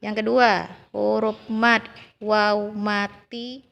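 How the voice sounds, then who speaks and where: A woman's voice: medium pitch, flat delivery, very slow, gravelly, a bit bright. An Indonesian woman teaching a lesson on Quranic long vowels, patiently repeating each example and drawing out the long sounds.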